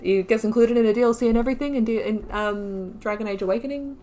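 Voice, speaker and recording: A gaming video creator comments casually on a playthrough, musing aloud with fillers, trailing off and correcting herself as she reads in-game notes. Her voice is a little high and mellow, and she talks quickly.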